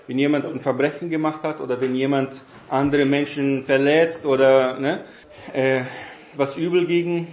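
A man giving a Bible teaching talk in a halting way, with many fillers and tag questions. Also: a little high, a little mellow, echoey room. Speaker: preacher.

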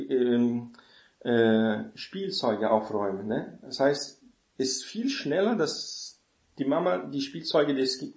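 A man speaks in an informal advice talk, addressing his listeners directly. He keeps tacking a questioning "ne?" onto his points and asks whether they follow. The voice is mid-pitched and rings in a roomy echo. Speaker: speaker giving parenting advice.

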